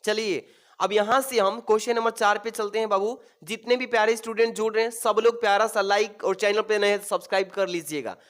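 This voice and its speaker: A man's voice: high voice, fairly even intonation, brisk, fairly bright tone. A man teaching an exam-prep lesson, calling his students "babu" and repeating each question to reassure them.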